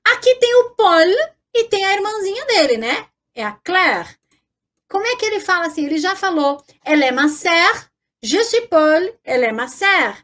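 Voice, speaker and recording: A woman with a Brazilian Portuguese accent teaching an online French lesson. She is lively and encouraging and slowly models French phrases for the viewer to repeat. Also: extremely high pitch.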